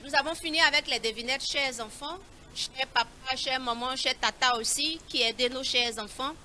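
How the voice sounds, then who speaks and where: Bright, sharp-voiced woman hosting a children's Bible quiz; slow, repeated clues; faint background noise. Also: high voice. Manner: slow, repeats each clue, coaxing.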